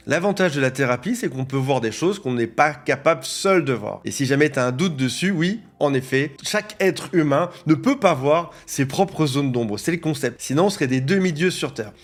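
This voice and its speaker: A man coaching viewers on psychology, explaining ideas in a direct, teaching way. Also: mid-range voice. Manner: didactic, addresses viewer directly, lists examples.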